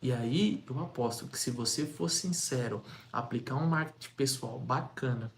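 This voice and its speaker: A young man from Brazil, giving an energetic motivational talk on sales, full of rhetorical questions and repetition. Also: mid-range voice, normal speed, slight background noise. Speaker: sales coach.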